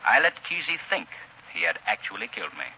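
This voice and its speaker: An actor playing a menacing, commanding invisible crime-fighter with deliberate, theatrical 1930s radio delivery. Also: male voice, mid-range voice, big pitch swings, bright, forceful tone, full character voice. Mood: calm, explanatory. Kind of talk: 1930s radio thriller acting. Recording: noisy vintage 1930s radio broadcast recording.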